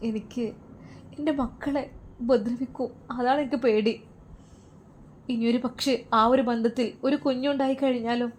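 A woman voicing a worried young father who speaks softly and tearfully, with a Malabar Malayalam accent. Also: on the high side, a little hiss or hum, natural voice. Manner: hushed, tearful, pleading. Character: worried young widowed-like father, soft-spoken man. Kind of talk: storytelling role voice.

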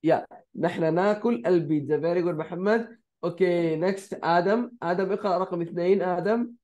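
A man teaching a live online language class, drilling short phrases slowly and patiently. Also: high-pitched, darkish tone, lo-fi sound. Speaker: Arabic teacher. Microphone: video call.

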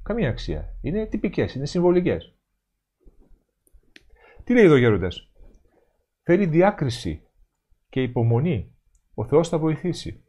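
Middle-aged priest man preaching, lively up-and-down delivery, keeps asking the listeners questions. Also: on the high side, pauses often, husky. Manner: animated, emphatic, rhetorical questions. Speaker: Orthodox priest. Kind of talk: sermon commentary with readings.

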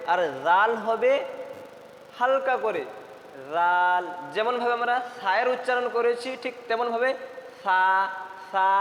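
Brief: male recitation teacher, high voice, drills letter sounds over and over, echoey room, faint ambience. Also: a bit bright, slight background noise. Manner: repeats letter sounds slowly and emphatically. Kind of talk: spoken pronunciation lesson.

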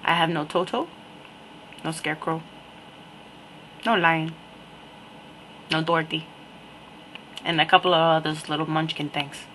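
Wry slow-talking New woman. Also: low voice, slight background noise, poor audio. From New Jersey. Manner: wry, repetitive, deadpan asides. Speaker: vlogger. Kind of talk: casual webcam monologue.

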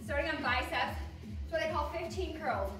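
Female fitness co-instructor, very high voice, casual and encouraging, recorded far from the mic in a reverberant living room. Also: moderate pace, fairly bright tone. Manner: exerting herself, upbeat encouragement. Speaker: workout co-instructor. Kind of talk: live home workout coaching, casual encouragement. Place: large living room at home, indoors. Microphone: camera several metres away. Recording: very echoey room, distant mic, faint music.

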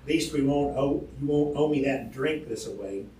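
A man reading aloud while voicing a drunk, quarrelsome cavalry private who taunts loudly in a frontier drawl. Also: mid-range voice, moderate pace, lightly acted. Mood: belligerent taunting. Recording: roomy hall, distant mic, faint ambience.

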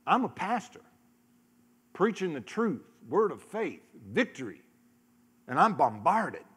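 Middle-aged pastor preaching on a church stage. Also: male voice, on the high side, big pitch swings, measured pace, husky. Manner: storytelling, acts out voices, shifts from hushed to loud. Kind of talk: sermon. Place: large church stage, indoors. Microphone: handheld mic.

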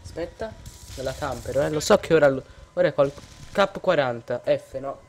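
A gamer giving gameplay commentary, swinging between low muttering and outraged yelling at opponents. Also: normal speed, a little hiss or hum.

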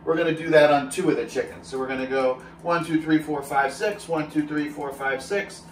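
A man's voice: a little high, brisk, recorded from a distance. Upbeat guy demoing meal prep in his kitchen, bit off-mic, roomy sound, faint hum behind. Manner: upbeat, joking, energetic while cooking. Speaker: fitness cooking host. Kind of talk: casual cooking demonstration. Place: small home kitchen, indoors. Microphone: camera mic, filmed from a few steps away. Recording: echoey kitchen, voice slightly off-mic.

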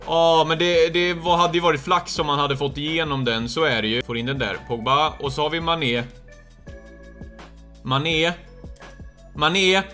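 A young man talks through his own football video game match in a bright, forceful voice, pitched a little high for a man. He chats along casually and jumps into loud, excited cheers whenever a goal goes in. Faint game music plays behind him. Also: hardly any pauses. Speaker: gaming streamer. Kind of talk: live gameplay commentary.

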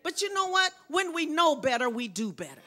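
High bright-voiced preaching woman. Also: a little fast, a faint crowd. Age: older. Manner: lively, preaching with bursts of loud exclamation. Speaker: guest preacher. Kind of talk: sermon. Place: church sanctuary.

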